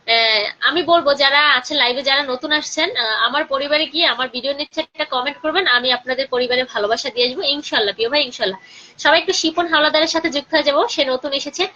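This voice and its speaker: A woman with a Bangladeshi Bengali accent hosting a live stream, chatting with viewers and urging them to share and comment, sometimes talking softly. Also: sits high, muffled recording. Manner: speaking slowly and softly during the call to prayer.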